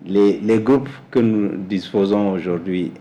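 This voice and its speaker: A man speaks slowly in a fairly low voice. He answers interview questions deliberately and repeats words as he searches for the right one. Faint noise sits under his voice. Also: warm tone. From Mali. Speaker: guest, energy specialist.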